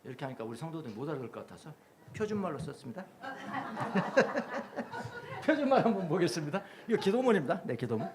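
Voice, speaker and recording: A man's voice: on the high side, big pitch swings, fairly quick, pauses often. A middle-aged pastor from Jeolla, South Korea preaches a Sunday sermon, his slightly raised voice leaping up and down as he builds rhythmic chains of repeated phrases. A faint hum sits under the church recording. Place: church sanctuary.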